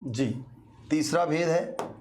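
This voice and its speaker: A male teacher giving an exam-prep grammar lesson, explaining slowly, repeating key words and sounding out syllables for his students. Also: a little high, darkish tone, slight background noise. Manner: addresses students repeatedly, slow deliberate explanation with repetitions; sounds out syllables to demonstrate pronunciation.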